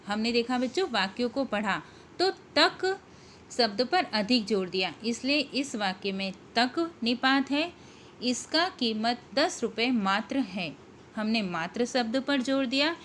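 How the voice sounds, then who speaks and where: A woman teacher with an Indian accent giving a school grammar lesson to her students, explaining slowly and patiently and stressing key words. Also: on the high side, fairly bright tone, slight background noise.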